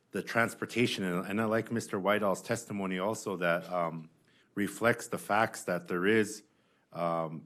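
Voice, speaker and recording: A man giving spoken testimony as a witness at a hearing, earnest and insistent, often halting and restarting his phrases. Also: low voice, a bit bright. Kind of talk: spoken testimony, answering questions.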